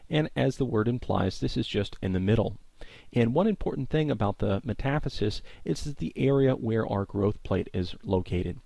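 A man giving a recorded college lecture, explaining terms clearly and often recapping earlier points. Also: medium pitch, dark tone, no echo.

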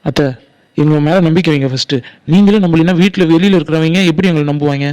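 A man's voice: on the high side, a little mellow, clean tone, close to an everyday voice. A man voicing an earnest young village man in a cartoon, pleading and reassuring his aunt. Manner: pleading, reassuring, talks fast. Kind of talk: Tamil cartoon voice acting.

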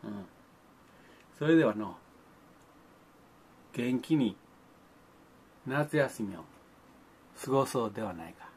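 A man's voice: medium pitch, animated, takes it slowly, pauses often, slightly rough. An older man, talking to children in a folksy, grandfatherly way, with old-fashioned speech and playful sound effects. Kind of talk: folksy monologue to the camera.

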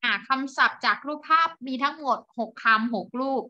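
Bright patient woman teaching young children. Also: high voice. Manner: patient, spells sounds out slowly for children. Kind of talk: online classroom lesson. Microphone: video call. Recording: dull lo-fi online call audio.

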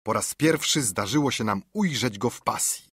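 A male audiobook reader tells the story at a measured, steady clip. His voice is mid-pitched and husky. He is recorded dry and close on a studio mic. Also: dry recording. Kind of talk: scripted narration.

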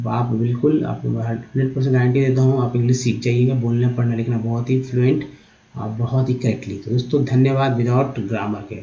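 A man teaches English vowel sounds, spelling out letters slowly and repeating words for his viewers. His voice is dark and mellow. The recording sounds roomy and a little dull. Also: medium pitch. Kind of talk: explaining spelling and pronunciation step by step.

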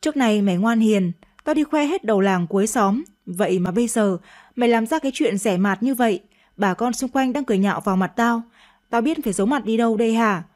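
A woman's voice: fairly high pitch, fast, a little mellow, natural voice. Stern old father, harsh, scolding, blunt, woman doing the voice, radio story. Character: stern angry elderly rural father.

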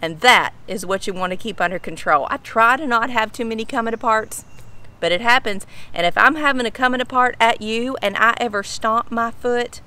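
A woman's voice: on the high side, normal speed, pushed and bright, clean tone. A middle-aged woman with a Kentucky Southern drawl, chatting casually outdoors to camera as she explains things in a folksy way, repeating phrases for emphasis. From Kentucky, United States. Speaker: vlogger explaining slang. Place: outdoors on a home pool patio.

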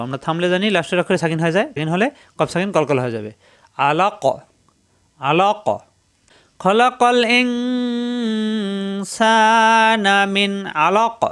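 A man teaching Quran reading, spelling each syllable slowly and then chanting the verse in a raised voice. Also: a little high, clear, resonant tone. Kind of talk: spelling-out recitation lesson.

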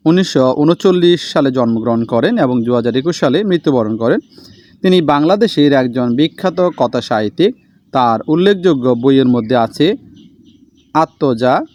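A man teaching a school language lesson, reading aloud slowly and repeating each word for his students. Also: medium pitch, a little mellow, dry recording. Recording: dull lo-fi sound.

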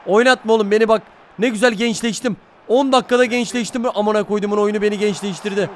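A young man streaming a football video game, swearing and reacting loudly to the play in casual commentary. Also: high-pitched, fairly even intonation, fast talker, slight background noise. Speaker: gaming streamer. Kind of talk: casual live-stream commentary while playing.

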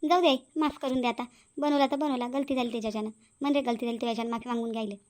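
A woman voicing a young daughter in a cartoon, coaxing her mother in a hushed way. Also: a little high, fairly even intonation, rapid-fire, lightly acted. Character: young daughter, soothing peacemaker. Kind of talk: cartoon voice acting.

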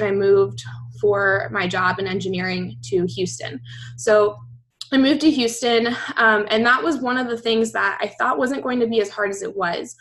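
A woman's voice: medium pitch, fairly bright tone, poor audio. A young woman from Virginia, upbeat and chatty, giving a coaching presentation on a team video call. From Virginia, USA. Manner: upbeat, chatty, laughs easily. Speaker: guest presenter, part-time fitness coach.

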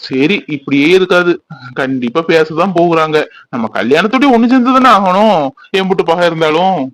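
A man's voice: high voice, normal speed, fairly bright tone, dry recording, low-quality recording. A young man, playing a teasing, boastful village youth who dotes on his sweetheart. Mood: affectionate. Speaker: actor in a family fan drama. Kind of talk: village romance drama acting.

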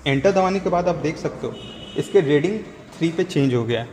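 A young man on a clip-on mic, patiently walking through how things work in a gym. His voice sits a little high for a man, and the room rings with a long echo and a faint hum of ambience behind him. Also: brisk. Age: young adult. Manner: steady instructive tone, mixing in English words. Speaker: gym member. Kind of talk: on-camera explaining, casual. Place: indoor gym. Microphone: lapel mic.

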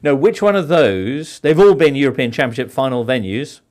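A man's voice: mid-range voice, sing-song, moderate pace, darkish tone. A man hosting a football quiz on a podcast, reading questions in a playful, theatrical way. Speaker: quiz host.

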